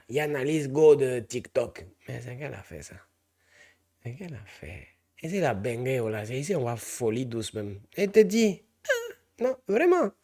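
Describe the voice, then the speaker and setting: A man voicing a boastful young Ivorian guy in a comic impression, with a put-on Ivorian accent and loud, jokey street talk. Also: on the high side.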